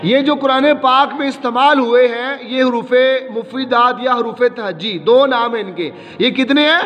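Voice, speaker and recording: A man's voice: very high-pitched, fairly bright tone. A man teaching a class to recite the Quran, repeating questions and answers as a drill. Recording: echoey hall, dull lo-fi sound, class crowd.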